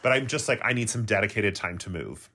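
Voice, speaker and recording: A woman in her forties with a very deep, husky voice, co-hosting a casual chat podcast. Her delivery is dry and self-mocking. Her pitch swings widely when she plays up a joke. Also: lively intonation, a little fast, bright, forceful tone. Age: 40s. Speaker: podcast co-host.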